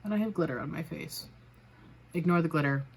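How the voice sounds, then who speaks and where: A female beauty vlogger chats casually through a makeup tutorial, narrating each step with self-deprecating remarks. Her low-pitched voice is a little raspy from a cold, and she talks fairly quickly.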